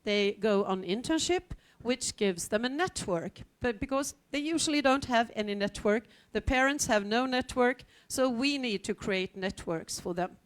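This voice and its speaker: A woman's voice: a little high, animated, moderate pace, no echo. A middle-aged woman from Sweden speaking on a conference panel about her vocational school, chatty with wry asides and many fillers. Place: conference hall, standing before an audience.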